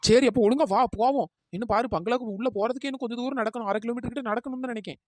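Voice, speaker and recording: A performer voicing a bold, bossy young village girl in a pitch-shifted cartoon, talking briskly. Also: no echo, studio quality. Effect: sped-up pitch-shifted cartoon voice.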